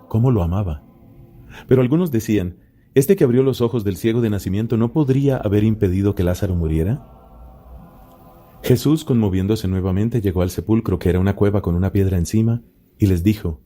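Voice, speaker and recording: Deep, very mellow-voiced friar reading scripture. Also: male voice. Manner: measured, unhurried reading with steady pauses. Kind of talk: solemn Bible reading. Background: faint Gregorian chant music.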